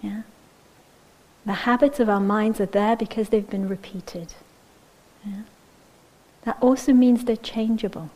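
This meditation teacher, a woman with a mid-range voice and fairly even intonation, delivers an unhurried, gentle dharma talk. She often adds "yeah?" and now and then falls to a near-whisper; the recording is rough.

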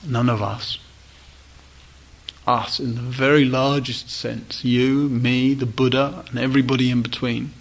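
A male meditation teacher giving a dharma talk at a retreat, speaking gently in short, inviting phrases with pauses. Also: medium pitch, flat delivery, creaky, low-quality recording.

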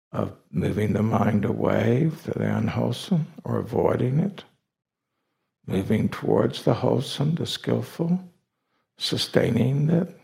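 A male teacher guides a meditation, speaking deliberately in short phrases with long pauses between them. His voice is medium-pitched and a little mellow, with vocal fry.

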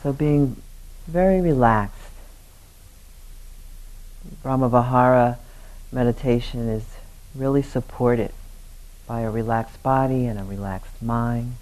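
Speaking softly in brief, unrushed phrases with long silences between them, a man leads a guided meditation as its teacher. He has a mid-range voice, and the audio is poor.

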